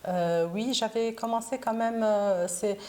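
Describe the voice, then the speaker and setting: A woman's voice: on the high side, steady tone, a little slow, a little mellow. A middle-aged woman from Lebanon, guest in an interview, answering hesitantly with many fillers. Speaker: interview guest, consular councillor.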